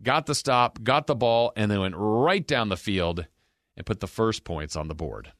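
A man's voice: fairly low pitch, lively intonation, moderate pace, a bit bright, no echo, clean studio sound. An American man hosting a sports podcast, giving a conversational, emphatic recap and analysis of football games. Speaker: sports podcast host and game broadcaster.

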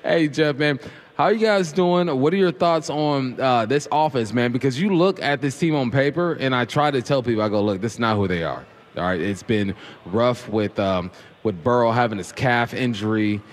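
A man hosting a live sports radio show in front of a crowd, excitable and joking as he leads the talk. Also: mid-range voice, moderate pace.

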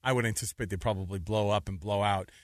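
A man's voice: lowish voice, steady tone, quick pace, no room sound. A man co-hosting a sports podcast, talking casually about the week's games and laughing often.

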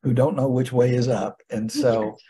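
An American man hosting a casual interview, with a halting manner, repeating words as he forms his questions. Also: mid-range voice, steady tone, music in the background. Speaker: podcast host, interviewer.

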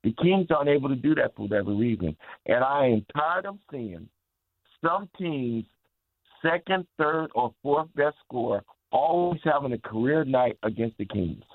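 A man's voice: mid-range voice, animated, normal speed, no echo. A man calling in to a sports radio show over the phone, complaining in a frustrated rant. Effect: heard over a phone line. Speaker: radio call-in caller. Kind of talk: casual sports call-in chat. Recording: tinny dry phone line.

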